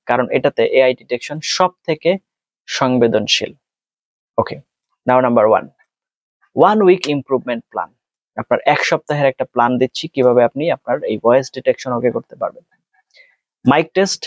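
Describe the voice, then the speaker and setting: In this spoken tutorial, an exam tutor with a Bangladeshi accent and a mid-range voice explains tips step by step, blending English terms into his speech. There's no echo, and the audio sounds dull and dry.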